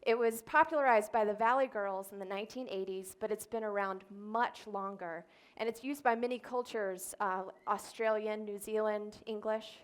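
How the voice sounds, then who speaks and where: A woman's voice: mid-range voice, moderate pace, smooth. A woman, a speech therapist, giving an explanatory talk on stage and demonstrating voice sounds. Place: event stage before an audience.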